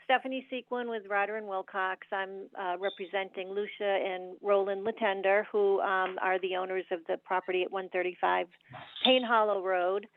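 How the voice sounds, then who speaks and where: A woman's voice: mid-range voice, moderate pace. Woman on a tinny speakerphone line. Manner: steady, with frequent ums and uhs. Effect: heard over a speakerphone. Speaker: consultant presenting a permit application. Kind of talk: formal presentation at a public meeting. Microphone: speakerphone on a remote call. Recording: tinny, dry phone line.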